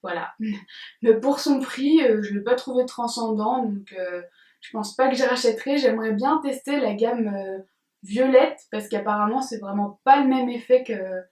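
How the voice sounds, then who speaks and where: A woman's voice: on the high side, moderate pace, a little mellow, far from the mic. A young woman from France reviewing used-up beauty products in a casual, chatty way, with frequent hesitations. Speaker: beauty vlogger. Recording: roomy, from off the mic.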